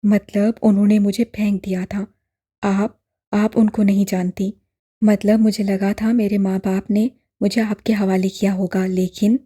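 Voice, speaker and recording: A woman voicing a distraught young man who pleads and shouts in despair, in an audiobook drama. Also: medium pitch, flat delivery, unhurried, breathy edge. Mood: desperate.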